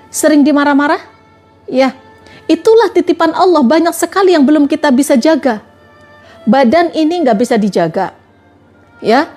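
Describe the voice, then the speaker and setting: High-voiced woman preaching with rhetorical questions. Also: darkish tone. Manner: fires repeated rhetorical questions at listeners; addresses viewers directly, coaxing. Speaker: motivational trainer. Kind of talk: live-streamed religious advice.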